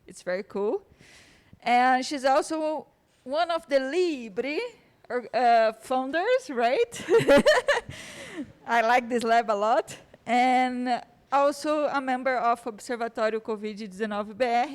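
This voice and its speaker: Her voice a little high, smooth, and slow, a chatty woman introduces a guest speaker for her course. It's a warm, casual spoken introduction in a lecture room, with laughs sprinkled between remarks.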